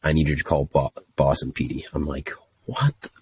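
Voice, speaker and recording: A man's voice: a bass voice, steady tone, fairly quick, creaky, a little mellow, a little hiss or hum. A young man telling a story casually, ranting in an exasperated, profane way. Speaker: podcast host telling a story.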